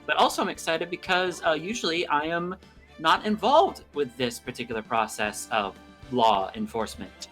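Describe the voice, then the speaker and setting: A man's voice: fairly high pitch, lively intonation, normal speed, a bit bright, faint music behind. A man in casual livestream banter, greeting chat as he streams a game.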